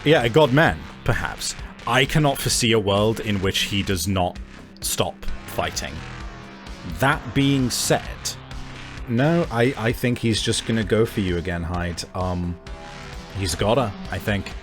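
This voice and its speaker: A man's voice: fairly low pitch, expressive, a little slow, music in the background. A man running a tabletop game as game master, talking casually with frequent swearing and fillers.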